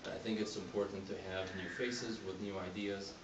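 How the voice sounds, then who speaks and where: A man from Egypt giving a candidate speech to a community group, talking in a halting way with many fillers and restarts. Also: sits low, level tone. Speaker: board candidate. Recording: roomy hall, mic at a distance, background noise.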